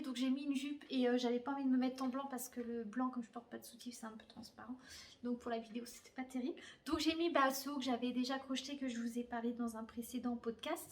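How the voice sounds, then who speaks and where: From her bedroom, a young crafting podcaster talks about what she's been crocheting in a laid-back chat. She has a high, fairly bright voice and drops plenty of fillers along with frank, slangy side comments.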